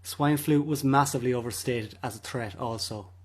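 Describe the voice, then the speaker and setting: A man's voice: medium pitch, normal speed, a little hiss or hum. A man reading scripted voice-over commentary as a narrator.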